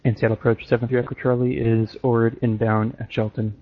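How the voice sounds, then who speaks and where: A man's voice: medium pitch, flat delivery, fairly quick. A man speaking as a private pilot, making procedural calls and readbacks over radio. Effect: radio transmission. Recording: dull band-limited radio audio.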